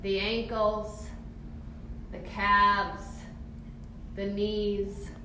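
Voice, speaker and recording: A woman instructor leading a calm guided grounding exercise, giving soothing, encouraging step-by-step cues for relaxing the body. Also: medium pitch, extremely slow. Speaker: movement and mindfulness instructor. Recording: very echoey room, faint background noise.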